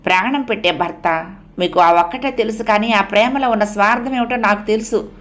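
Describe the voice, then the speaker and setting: A woman voicing a troubled young wife who is tearful, defiant and quick to burst out in anger, read in an audiobook novel. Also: mid-range voice, a bit bright, close to an everyday voice. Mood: angry. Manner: emotional, bursts out angrily.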